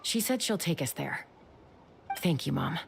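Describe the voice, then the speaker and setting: An actress voicing a composed young woman in a video game, warm and wry, with measured, conversational delivery. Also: low voice, big pitch swings, vocal fry, noisy background, exaggerated voice. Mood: concerned. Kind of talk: scripted video game voice acting.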